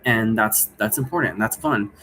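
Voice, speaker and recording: This time the role-play game presenter sounds bright and forceful, his lowish voice moving at a moderate pace as he explains things off the cuff. He meanders and poses rhetorical questions, with slight background noise present.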